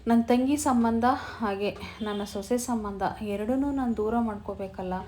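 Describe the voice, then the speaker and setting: A woman's voice: fairly high pitch, moderate pace, mellow, slight background noise, close to an everyday voice. A woman voicing a sorrowful middle-aged man who frets about losing his sister and niece. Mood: grieving. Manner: sorrowful, pleading. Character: grieving middle-aged man, a troubled elder brother.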